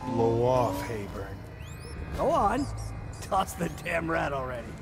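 A man's voice: mid-range voice, sing-song, slow, creaky, full character voice. A man playing a hostile, taunting guard or street thug in a video game, drawing out his threats. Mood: gruff taunting. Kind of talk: video game enemy barks. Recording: distant game audio under loud music.

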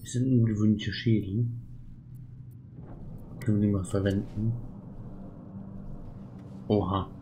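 A man doing casual let's play commentary, reading game text aloud and thinking out loud. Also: lowish voice, fairly even intonation, takes it slowly, long pauses, noisy background. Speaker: let's player, channel host.

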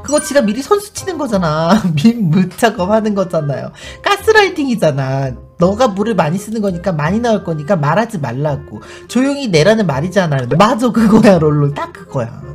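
A man hosting a casual storytelling vlog, chatty and animated, acting out the people he quotes. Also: high voice, brisk, few pauses, faint music behind. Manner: chatty, many fillers, addresses viewers. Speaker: YouTuber host.

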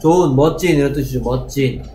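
A man's voice: mid-range voice, a little fast, warm tone, a little hiss or hum. A male English teacher who runs a class lesson, drilling words aloud and putting questions to his students.

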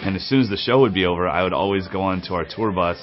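A man's voice: low voice, fast, over loud music. A man in his forties, a drum teacher, telling his story in a candid, reflective documentary interview, seated in an indoor drum studio. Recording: slightly dull, muffled audio.

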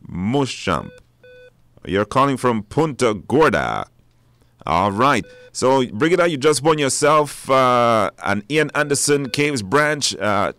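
A radio talk show host with a mid-range, slightly bright voice runs a live show from a dry radio studio. His announcing is informal, marked by hesitations and repetition.

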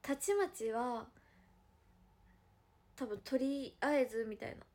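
A woman's voice: a little high, lively intonation, a little mellow. A young woman from Hiroshima, speaking with a Hiroshima dialect, chatting casually and giggling as an idol on a livestream, answering viewer comments. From Hiroshima, Japan. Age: young adult. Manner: chatty, giggly, drawn-out musing.

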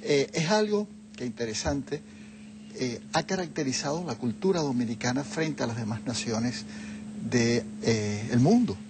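An older man, a Jesuit leader appearing as a guest on a TV studio set, sits on a sofa and explains things reflectively into a lapel mic. His mid-range voice has lively intonation and an unhurried pace, with some background noise present.

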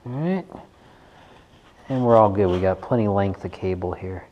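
A man with a low-sitting, dark voice and lively intonation speaks at a moderate pace, the audio sounding dull. As a bike mechanic host, he casually thinks aloud through a hands-on tutorial in a large wooden garage workshop, recorded on a body-worn action camera amid echo and noticeable noise.

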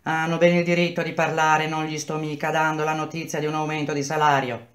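A woman reading aloud and voicing a middle-aged male contractor who smoothly explains hard news to his workers. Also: sits low, little pitch movement, brisk, natural voice. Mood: persuasive. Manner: persuasive, explanatory, speaks to workers as a group.

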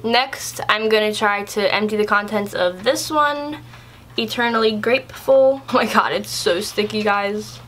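A woman's voice: medium pitch, a little slow, a bit bright. A young woman casually reviewing products in a vlog, chatty and exasperated, with lots of filler words. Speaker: YouTuber.

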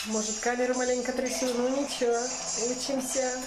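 A woman's voice: high-pitched, little pitch movement, a little fast. A woman chatting casually to camera in a playful, joking way, repeating words for emphasis. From Russian-speaking, living in Germany. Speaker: vlogger filming a visit to a friend. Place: small home kitchen. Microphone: handheld camera, held by the speaker. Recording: echoey kitchen, music in the mix.

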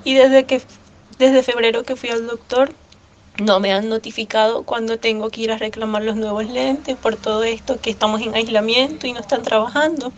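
A woman's voice: a little high, fairly even intonation, highs cut off, a little hiss or hum. Fervent woman giving a church testimony. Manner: earnest and fervent, with halting restarts. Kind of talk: personal religious testimony.

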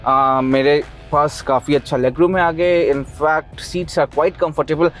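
Very fast-talking Indian man, music behind. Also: on the high side, little pitch movement, a bit bright. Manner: informal, opinionated. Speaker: car review host. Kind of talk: casual car comparison chat, mixing Hindi and English.

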